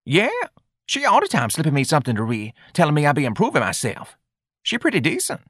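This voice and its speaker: A brash young street hustler, voiced by a male narrator scoffs and wisecracks in a much higher, whooping register. His pitch leaps around wildly on exclamations. The read is close and dry. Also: wildly swooping pitch, quick pace, a bit bright, slightly rough, no room sound, exaggerated voice.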